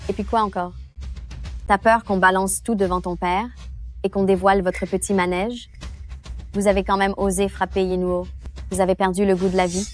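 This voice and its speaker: A woman's voice: mid-range voice, level tone, moderate pace, faint music behind, close to an everyday voice. A woman dubbing a scornful office colleague who accuses and taunts. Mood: accusing. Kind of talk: French drama dubbing.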